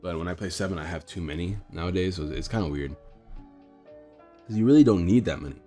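A card game streamer, a young man with a stuffed-up nose, casually walks viewers through his deck, rambling and calling them "guys." His voice is low-pitched, mellow, and quick, with faint music behind him.

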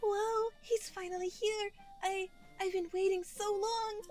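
A woman doing a squeaky little forest sprite. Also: steady tone, unhurried. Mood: urging. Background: game music.

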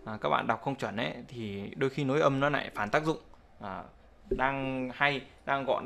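A man's voice: mid-range voice, vocal fry, fairly bright tone. A man teaching English pronunciation in a casual spoken lesson, explaining step by step and often checking that viewers follow.

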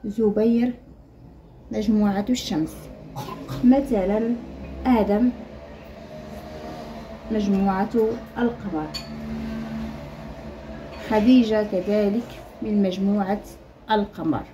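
A woman's voice: mid-range voice, dark tone, a little hiss or hum. Moroccan woman teaching Arabic letter sounds. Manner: slow, deliberate spelling out of sounds, mixing standard and Moroccan Arabic. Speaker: primary school Arabic teacher. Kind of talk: explaining a textbook lesson to children.

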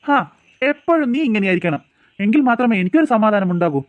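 A teasing, easygoing cartoon father, voiced by a man, his voice set high and talking fast. His speech sounds dry, close and plain. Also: expressive, no echo, narrow, tinny audio. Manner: jokey, coaxing, quick talk.

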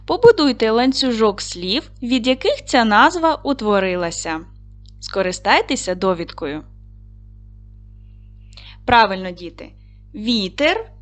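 A woman's voice: medium pitch, a bit bright. A woman teacher giving a recorded lesson to second graders, patient and encouraging as she praises and guides the children. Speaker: primary school teacher.

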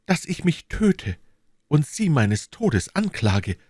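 Man doing a tender frightened young woman, pleading, lively voice. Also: on the high side, slow, no echo, studio quality, pitched above the performer's own voice, full character voice. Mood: anxious. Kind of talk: audiobook reading, acted dialogue.

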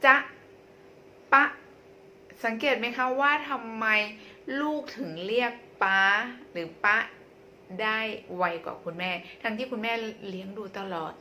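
A woman parenting coach explaining child language development to mothers, in a gentle, repetitive way with frequent polite particles. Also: a little high, normal speed, slight background noise. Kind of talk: instructional talk to mothers.

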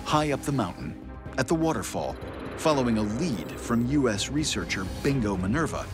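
A man giving scripted documentary narration in a steady, dramatic way. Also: medium pitch. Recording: narration over loud music.

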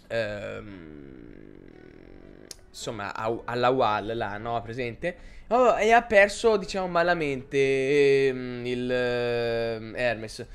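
A man's voice: medium pitch, clear, resonant tone. A man streaming live, chatting casually and rambling as he answers his chat viewers.

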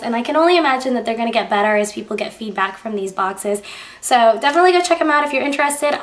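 A woman's voice: fairly high pitch, fairly bright tone. A young woman beauty vlogger with a sick, strained voice, chatting casually through an unboxing with lots of "like" and "um".

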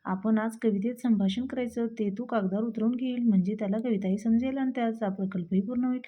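A woman voicing a gentle, joking old grandfather who speaks in reassuring, playful rhymes. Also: fairly high pitch, steady tone, fast talker, dull audio, lightly acted.

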